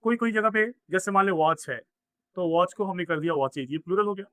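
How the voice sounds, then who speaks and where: A man's voice: high-pitched, fairly quick, fairly bright tone, dry recording. A man teaching a grammar lesson, explaining step by step and asking and answering his own questions. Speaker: English teacher. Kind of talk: classroom grammar lesson in Hindi.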